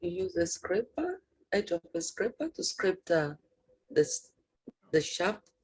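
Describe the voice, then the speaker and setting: A woman's voice: medium pitch, very animated, unhurried, creaky, darkish tone, breathy edge, no echo. A woman student giving short answers to her teacher over a video call. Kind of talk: answering in class.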